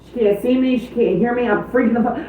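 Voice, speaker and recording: A woman's voice: a little high, steady tone, quick pace, slight background noise. Emotional swearing woman, echoey distant mic. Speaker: tabletop game player. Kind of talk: casual chat. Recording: distant echoey tinny lo-fi audio.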